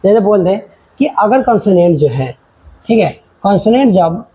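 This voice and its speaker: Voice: mid-range voice, expressive, moderate pace, dark tone, breathy edge, rough recording. A teacher giving a children's grammar lesson, repeating points and checking in often while mixing in English words.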